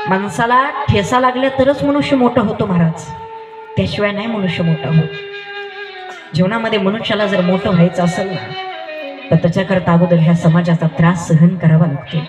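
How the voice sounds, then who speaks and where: An emphatic male preacher delivering a devotional sermon in a sing-song, repeating cadence. His voice rings through an echoey room, with live music playing behind him. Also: high-pitched. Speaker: kirtan preacher.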